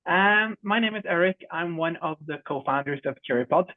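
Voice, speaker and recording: A young Norwegian man, co-founder of a startup, gives a friendly, chatty product demo over a video call, using many fillers. His voice is fairly high and fairly quick, and the dry, phone-like call audio has no echo.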